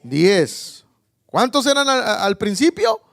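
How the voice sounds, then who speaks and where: A man's voice: high-pitched, huge pitch swings, vocal fry, no echo. A man preaching a sermon in church, reading scripture aloud and calling out questions to the congregation. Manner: reads scripture aloud with pauses. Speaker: pastor.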